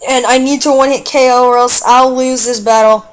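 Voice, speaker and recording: A woman's voice: high-pitched, fairly even intonation, brisk, soft background music. A woman giving casual, chatty commentary over her own gameplay, talking to her viewers and reacting aloud to what happens in the game. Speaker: let's play gamer.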